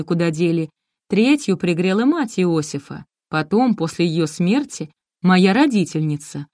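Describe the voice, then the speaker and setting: A woman's voice: mid-range voice, a little mellow, no room sound, clean studio sound, natural voice. A woman reading the lines of a cold, condescending middle-aged woman who never wanted her children, in an audiobook. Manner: cool, dismissive, condescending.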